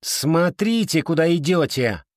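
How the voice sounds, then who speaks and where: A man's voice: mid-range voice, animated, normal speed, no echo, studio quality, natural voice. A man voicing a snobbish, bossy schoolgirl in an audiobook, with a snappy, sneering delivery. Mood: snappy haughty.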